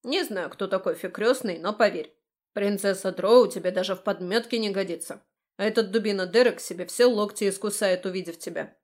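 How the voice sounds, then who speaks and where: A woman's voice: medium pitch, a little fast, a little mellow, lightly acted. A woman voicing a cheeky, playful male chinchilla-like familiar in an audiobook, teasing and snorting with laughter. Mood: fussing. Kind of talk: audiobook character voice.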